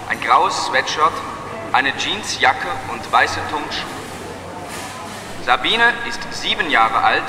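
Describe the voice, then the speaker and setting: Slow male announcer over a PA system. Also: fairly high pitch. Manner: formal, measured, repeats numbers slowly. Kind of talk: public announcement. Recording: echoey hall from far off, noisy.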